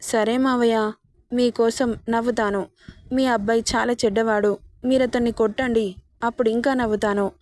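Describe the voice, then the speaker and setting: A woman's voice: a little high, fairly even intonation, moderate pace, darkish tone, no room sound, studio quality, natural voice. Woman reading as naive young village bride. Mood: tearful. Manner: innocent, pleading.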